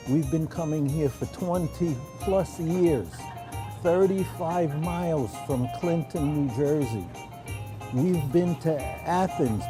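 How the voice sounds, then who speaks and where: A man speaking very slowly and emphatically in a customer testimonial, his voice a little high. Music plays clearly behind him. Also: rough recording. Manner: slow, emphatic praise. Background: background music.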